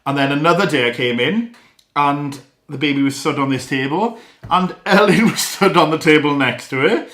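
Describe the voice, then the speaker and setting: Earnest young dad talking in an echoey room. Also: male voice, on the high side, moderate pace, fairly bright tone. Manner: earnest, rambling, with small laughs and restarts. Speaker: father and vlogger. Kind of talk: casual vlog talk to camera. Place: living room at home.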